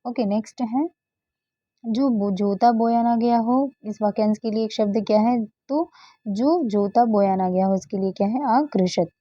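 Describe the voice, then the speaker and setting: Woman tutor, exam walkthrough, very dark mellow voice, husky, repeats answers, dry dull recording. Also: a little high, moderate pace, no echo. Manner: explains patiently, repeats key answers; frequent "ठीक है" and "okay, next है" fillers.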